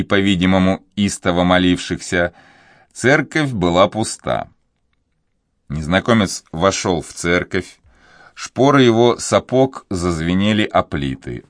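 A man narrating an audiobook in a measured, steady storytelling manner. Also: low-pitched, dry recording, studio quality. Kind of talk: scripted narration.

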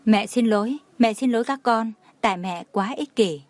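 A woman voicing a tender, remorseful young mother who speaks in soft, apologetic tones. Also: on the high side, normal speed, no room sound, natural voice.

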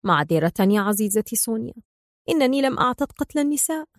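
A cool, sarcastic male secret agent, read by a woman storyteller. He speaks calmly with easy mockery, never raising his voice, in a dry, close recording. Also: a little high, fast, no room sound. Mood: calm mocking. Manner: sarcastic, calm. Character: calm, mocking male secret agent hero.

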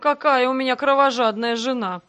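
A woman voicing a smug, cruel male villain mage with a creaky, mocking voice. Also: a little high, moderate pace, fairly bright tone, highs cut off, natural voice. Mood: gloating. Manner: mocking, gloating.

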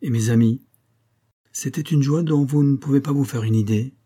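A man's voice: medium pitch, moderate pace, mellow, breathy edge, voice pushed up, close to an everyday voice. A man playing a frank, good-natured young man. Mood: warm. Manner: earnest, frank.

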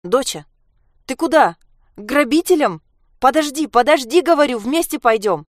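A woman reading aloud voices a harsh mother who scolds and yells at the children. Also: on the high side, lively intonation, moderate pace, no echo, clean studio sound, voice pushed up, natural voice. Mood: flustered. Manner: scolding, yelling. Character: harsh furious mother, shouting.

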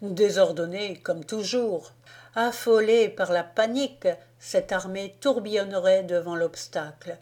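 Woman audiobook narrator, historical fiction, slow deliberate read. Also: medium pitch, a little mellow. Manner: slow, measured reading. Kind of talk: scripted narration of a historical novel.

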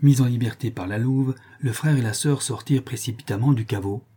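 Male audiobook narrator, measured delivery, mellow and slightly husky. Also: medium pitch. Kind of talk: scripted narration.

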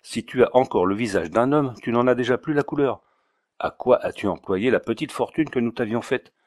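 A man's voice: medium pitch, fairly quick, a little mellow, no echo, studio quality, natural voice. A man reading the part of an indignant, pompous male doctor who scolds sternly in an audiobook.

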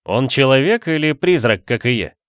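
A man's voice: mid-range voice, sing-song, moderate pace, no echo, clean studio sound, pitched above the performer's own voice, close to an everyday voice. A man voicing a curious young male ghost who presses questions eagerly in a storybook reading. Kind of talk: audiobook character voice.

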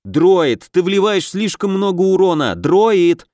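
A man's voice: on the high side, big pitch swings, unhurried, no room sound, clean studio sound. Man playing a bossy young raid leader. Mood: commanding urgent. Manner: shouting commands.

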